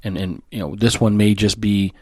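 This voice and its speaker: A man's voice: fairly low pitch, breathy edge, no room sound, clean studio sound. A man co-hosting a podcast, talking bluntly and with lots of swearing. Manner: fast, profane, blunt. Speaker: podcast co-host. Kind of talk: casual chat.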